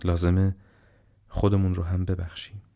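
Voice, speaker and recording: A man voicing a frail, gravelly dying old man. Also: sits low, little pitch movement, dark tone. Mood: gently urging. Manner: slow, halting, tearful.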